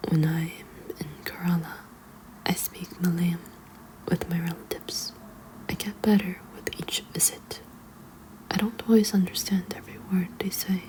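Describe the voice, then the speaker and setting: A woman reads a children's book aloud as ASMR in a hushed, librarian-like whisper. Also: fairly low pitch, steady tone, moderate pace, rough recording. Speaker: ASMR reader.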